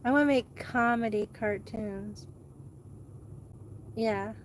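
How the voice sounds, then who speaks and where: Excitable rambling woman, slightly high voice. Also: a little hiss or hum. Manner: excitable, rambling, quick to laugh. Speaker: channel host. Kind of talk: casual rambling monologue.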